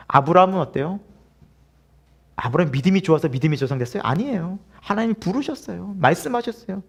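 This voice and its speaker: A male pastor preaching a sermon to his congregation. He talks in an animated way, moves from loud laughing asides to hushed earnest lines, and acts out inner voices and short quoted lines. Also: a little high.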